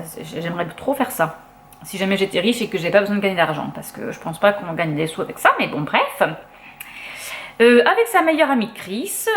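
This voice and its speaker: A young French woman chatting casually as a book vlogger, full of fillers and restarts. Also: medium pitch. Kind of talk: casual chat.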